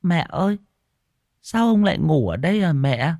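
A man's voice: on the high side, very animated, normal speed, creaky, darkish tone, no room sound, studio quality, voice pushed up. A man voicing a small child who asks his mother, puzzled, why his grandfather is lying still. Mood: bewildered. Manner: bewildered questioning.

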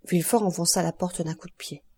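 A woman narrating a classic novel as an audiobook, in a measured, expressive reading. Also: lowish voice, slightly rough.

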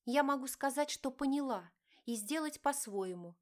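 A woman's voice: high voice, animated, moderate pace, voice pushed up. A woman voicing a young wife who is frightened yet defiant, speaking in a raised, agitated voice.

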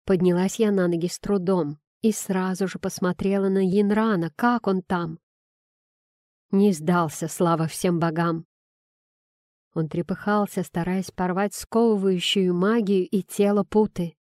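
A woman reading a first-person fantasy audiobook in an expressive storytelling manner. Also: lowish voice, a little slow, dry recording, clean studio sound. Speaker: audiobook narrator.

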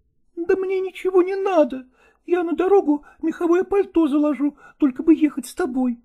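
A male audiobook reader voicing an impulsive, eager young actress who talks in excited, pleading exclamations. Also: very high-pitched, normal speed, dull audio, pitched above the performer's own voice. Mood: pleading, lively.

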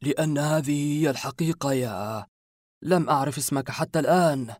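A man voicing a weary, middle-aged father trapped in a recurring nightmare, speaking softly and a little lower than his own voice. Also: moderate pace, no room sound, clean studio sound, natural voice. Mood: calm.

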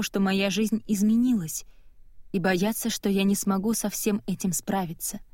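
A woman reading a first-person novel aloud in a steady, measured way. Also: mid-range voice, dry recording, studio quality. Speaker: audiobook narrator. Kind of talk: first-person scripted narration.

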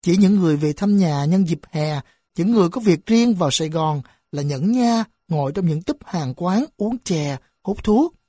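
Audiobook narrator: a woman, low and dark, measured reading. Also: animated, no echo, clean studio sound. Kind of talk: scripted narration.

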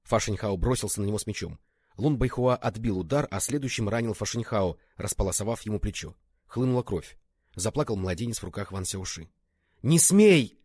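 Male narrator, low-pitched, husky, dry close sound, steady scripted storytelling. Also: a little fast, no echo. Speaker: audiobook narrator.

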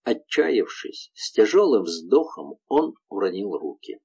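A male audiobook narrator reads with expressive storytelling. His voice is husky and fairly low, moving through a lively range of pitch. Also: measured pace. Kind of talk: scripted narration.

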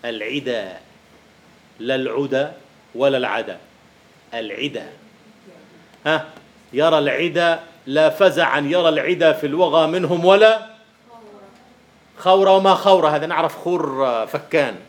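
A man lecturing a university class on poetic meter, questioning students and at times dropping to a quiet murmur. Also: fairly high pitch, normal speed, pauses often.

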